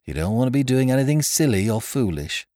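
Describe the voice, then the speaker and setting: A coaxing young peacemaker, as a man voices him in a spoken story, trying to calm an angry crowd. His pitch rises and falls freely as he reasons gently. The sound is dry and close. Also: brisk, dry recording, close to an everyday voice. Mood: soothing. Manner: soothing, coaxing.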